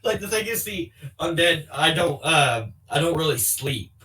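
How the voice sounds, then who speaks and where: A man's voice: on the high side, expressive, normal speed, sharp tone. A man in a casual podcast chat, rambling and poking fun at himself. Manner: rambling, self-deprecating. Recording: distant from the mic.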